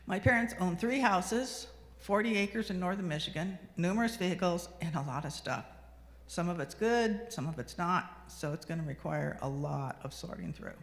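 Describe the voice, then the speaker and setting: Woman, 60s, lay speaker. Chatty and reflective, some fry in the voice, recorded on a reverberant livestream. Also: lowish voice, moderate pace. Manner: conversational storytelling with frequent ums and restarts. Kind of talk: personal reflection talk. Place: fellowship meeting hall. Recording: long hall reverb on a livestream.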